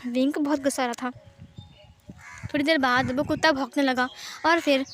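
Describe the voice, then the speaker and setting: A woman narrating a fan story in a high, bright voice. She tells it in a plain, steady way, dropping English words into her sentences. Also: moderate pace. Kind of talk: retelling a fan story aloud.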